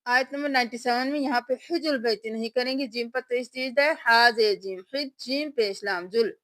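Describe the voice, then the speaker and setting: In this tajweed lesson, a woman spells out every letter, then slowly draws out the recitation of the word. Her voice is a little high, bright and forceful, with no echo.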